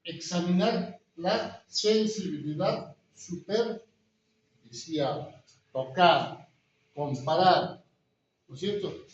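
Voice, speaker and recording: A man lectures to a class, checking in with the room through constant rhetorical questions. His voice sits a little high and comes from a distance. The room is very echoey, and the recording sounds dull and muffled, with faint noise behind it.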